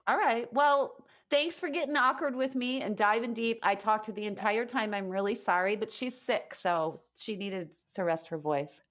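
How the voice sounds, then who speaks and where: A woman's voice: mid-range voice, moderate pace, hardly any pauses, fairly bright tone. A woman co-hosting a podcast, chatting casually in a forthright way and swearing freely. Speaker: podcast co-host, mortgage lender.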